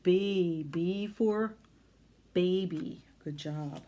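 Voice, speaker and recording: Slow-paced woman teaching letter sounds to children. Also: lowish voice, warm tone. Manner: encouraging, question-and-answer talk with pauses. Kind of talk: phonics lesson addressed to young children.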